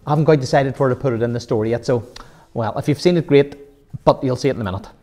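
A man's voice: mid-range voice, fast talker, warm tone. A man, teaching Sunday school, telling a Bible story to children with chatty asides and questions for his listeners.

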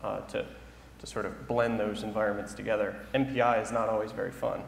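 A man's voice: fairly low pitch, little pitch movement, brisk, creaky. A man on a conference panel speaking thoughtfully, hedging often with "sort of" and "you know". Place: large conference hall stage. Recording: echoey hall with faint room noise.

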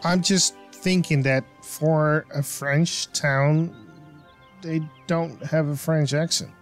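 A man's voice: a little high, fairly even intonation, takes it slowly, faint music behind. Chatty man commenting on gameplay. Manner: enthusiastic, chatty, thinks aloud. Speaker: let's play host.

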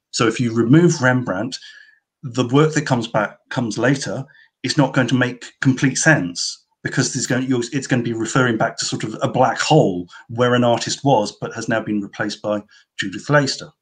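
A man hosting a casual discussion about art, making his points forcefully and emphatically. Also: mid-range voice, breathy edge.

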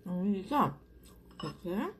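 A woman's voice: mid-range voice, big pitch swings, faint music behind. Woman talking with her mouth full. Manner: slow, murmuring with frequent hums. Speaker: mukbang vlogger. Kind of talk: casual eating vlog talk.

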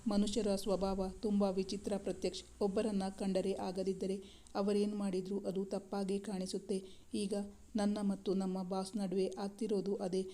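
A woman voicing a young woman doctor who speaks in a pleading, tearful, halting way. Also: medium pitch, level tone, mellow, natural voice. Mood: hurt.

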